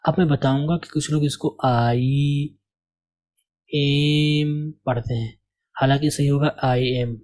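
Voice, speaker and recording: A man's voice: medium pitch, steady tone, a little mellow. Patient male teacher. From India. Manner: patient, repeats key points, models English pronunciation slowly. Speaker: English teacher. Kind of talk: explaining a language course lesson.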